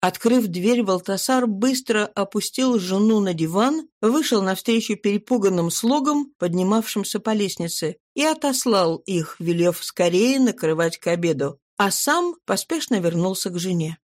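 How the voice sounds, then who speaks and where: A woman narrator reading a classic novel aloud in a measured, even way. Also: mid-range voice.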